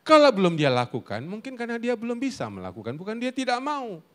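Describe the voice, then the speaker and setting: Speaking fast in a very high voice, a middle-aged guest preacher and counselor delivers a funny church sermon about family life. He tells lively stories, questions the congregation, and shares their laughter.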